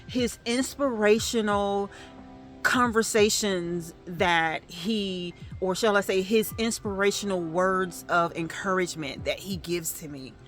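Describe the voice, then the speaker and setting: A middle-aged woman vlogging to camera, telling a story in a chatty, animated way with plenty of fillers. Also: medium pitch, unhurried, faint music behind.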